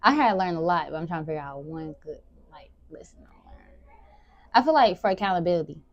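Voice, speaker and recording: A teenage girl, a high school sprinter answering interview questions in a relaxed, rambling way. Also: brisk, dry recording, muffled recording. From Memphis, Tennessee. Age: teens. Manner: relaxed, rambling, many "like" fillers.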